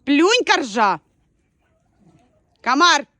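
Woman from Ukraine, dog breeder, casual yard chatter, higher voice, dry sound, dogs nearby. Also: sing-song, drawn-out words, no room sound. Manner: chatty, shouting dog names, laughing. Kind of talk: casual vlog commentary. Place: outdoors in a village yard with dogs.

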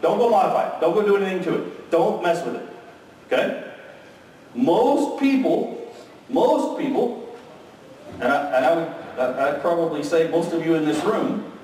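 A male presenter delivers an energetic technical keynote in a high voice, checking in with "okay?" and "right?" along the way. He's recorded from far off in a very echoey ballroom of a large hotel conference room with an audience, with a little hiss or hum present.

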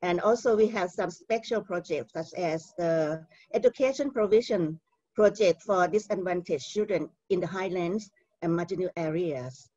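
A woman's voice: fairly low pitch, darkish tone. A middle-aged woman with a Thai accent giving a conference keynote over a video call, speaking carefully with many hesitations. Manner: careful, halting delivery with frequent "uh" fillers. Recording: dull lo-fi video call audio.

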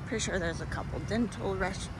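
A woman's voice: medium pitch, a little fast. A woman giving a casual walking tour outdoors, chatty and full of fillers, a bit tired and thirsty. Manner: chatty, filler-heavy, laughs often. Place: outdoor shopping center plaza. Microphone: handheld phone camera while walking. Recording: outdoor phone audio with street noise. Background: traffic and outdoor ambience.

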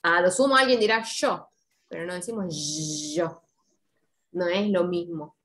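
A woman with an Argentine Spanish accent teaches English online, patiently modeling words and coaching pronunciation. Her voice is lowish and a bit bright, and the recording is rough. She speaks slowly and encouragingly, modeling each word with care.

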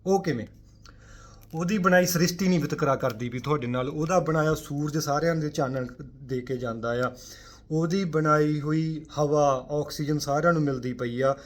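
Emphatic man giving a Sikh spiritual talk. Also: normal speed. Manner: forceful, full of rhetorical questions; swings between loud emphatic bursts and quiet low asides.

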